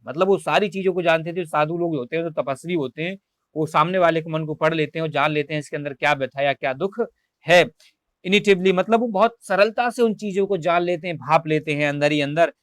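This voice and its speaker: A man's voice: fairly high pitch, fairly bright tone, no room sound. A male teacher, leading an online class. He reads English lines and explains each word, asking and answering his own questions. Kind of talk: online class lecture, translating English text.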